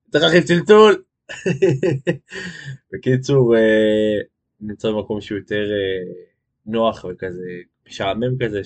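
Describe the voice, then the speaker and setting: A man's voice: lowish voice, warm tone. A young man chatting casually on a live stream, rambling with lots of fillers and restarts as he reads out viewer comments. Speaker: page admin hosting a live stream.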